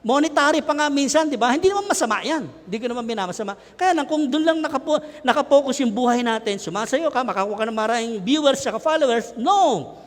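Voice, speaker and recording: A middle-aged Filipino man preaching a lively sermon, joking and shouting with his congregation. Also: extremely high pitch, fast, hardly any pauses. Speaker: pastor. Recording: long hall reverb.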